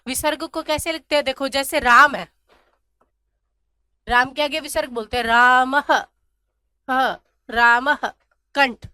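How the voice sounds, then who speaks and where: A woman teaching a grammar lesson, slowly repeating syllables and asking questions that she answers herself. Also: high voice, pushed and bright, dry recording, clean studio sound. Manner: drills syllables slowly, asks and answers her own questions. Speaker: Sanskrit teacher.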